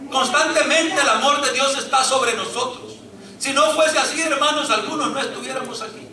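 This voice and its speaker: Man, preacher, Latin American Spanish accent, very high voice, echoey church, heard from a distance. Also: moderate pace, sharp tone. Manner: fervent preaching, addresses the congregation as brothers. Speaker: pastor. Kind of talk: sermon. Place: church sanctuary.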